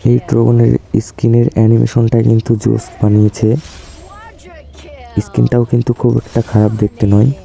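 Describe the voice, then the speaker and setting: A hoarse man with a cold and a Bangladeshi Bengali accent, giving a casual update on a game event as a gaming YouTuber, in a relaxed, flat delivery. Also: fairly quick. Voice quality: gravelly, low and dark.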